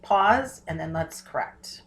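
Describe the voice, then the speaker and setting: A woman teacher walks through a recorded phonics tutorial. She stretches out words and letter patterns slowly so each sound is clear. She poses questions and answers them herself. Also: deep voice, expressive. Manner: slows down and stretches words to model spelling and syllables.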